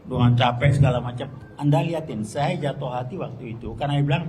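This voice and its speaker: An older man gives a fiery public speech, blunt, slangy and combative, with sharp bursts of emphasis. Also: mid-range voice, fast, over music. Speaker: speaker at a public gathering. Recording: speech with crowd noise behind. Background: crowd noise.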